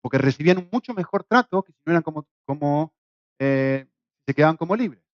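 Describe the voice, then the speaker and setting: Middle-aged Argentine-accented male teacher, fairly high voice, dry and slightly muffled lecture sound. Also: fairly quick, dry recording. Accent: Argentine Spanish. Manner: lively, acts out quoted voices with shouts and jokes. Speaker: Bible course teacher. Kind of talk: classroom lecture. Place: classroom in Spain.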